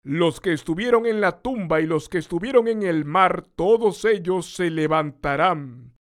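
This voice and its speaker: A preacher speaking the lines of a grieving woman of faith in a solemn, measured way, close to his own voice. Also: sits high. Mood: earnest.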